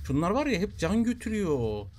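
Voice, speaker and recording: A young man doing jokey, excited commentary while playing a survival game, often exclaiming and repeating short phrases. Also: high voice, a little fast, a little hiss or hum. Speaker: gaming YouTuber. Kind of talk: excited Let's Play commentary.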